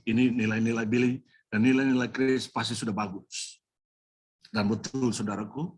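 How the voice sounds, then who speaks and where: A man's voice: medium pitch, a little hiss or hum. A pastor preaching a sermon, telling a personal story emotionally, speaking straight to the congregation and slipping English phrases into his talk. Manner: slips English words and phrases into his speech.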